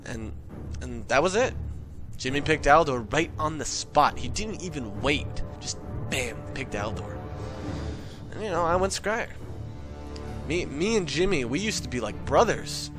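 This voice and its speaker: A man telling a comedic rant story, excitable, profane and boastful. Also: on the high side, unhurried, pauses often, over music.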